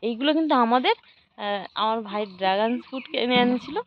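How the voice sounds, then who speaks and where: A woman vlogging casually around her home and garden, talking softly and unhurriedly to her viewers. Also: dull audio, a little hiss or hum. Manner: soft, unhurried narration, louder and higher when coaxing a child.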